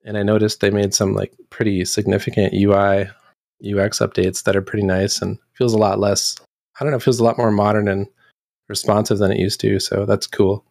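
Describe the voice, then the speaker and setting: Man, low voice, dry close sound, casual and halting, clears his throat a lot. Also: level tone, a little mellow, dry recording. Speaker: community show presenter. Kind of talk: casual chat.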